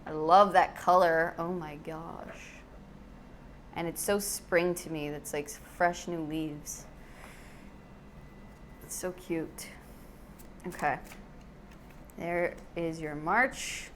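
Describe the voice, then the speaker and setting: A woman's voice: low voice, fairly even intonation, extremely slow, pauses often, fairly bright tone, slight background noise. A woman hosting a casual, chatty tarot reading to camera, speaking to her viewers in an effusive, affectionate way. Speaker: tarot reader, channel host.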